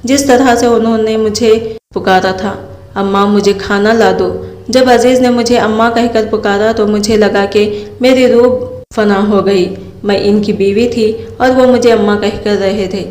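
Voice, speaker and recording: A woman's voice: fairly high pitch, steady tone, unhurried, darkish tone. A woman telling a first-person moral story aloud, voicing its characters' lines in her own plain voice. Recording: roomy echo.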